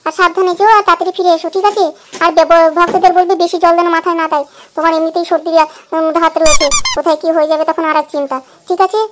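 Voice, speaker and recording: A chirpy, bossy young goddess daughter from a cartoon, voiced by a woman. Her voice is very high and squeaky, and she chatters quickly and nags eagerly over a faint hiss. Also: level tone. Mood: chatty. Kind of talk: cartoon voice acting.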